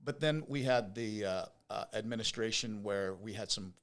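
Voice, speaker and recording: A man's voice: on the low side, moderate pace. An American man in his fifties or older with a whistling s, telling his story conversationally as an interview guest, with emphatic repetition and rhetorical questions. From Oregon, United States. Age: 50s or older. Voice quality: whistling s from new teeth. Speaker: podcast guest, business owner.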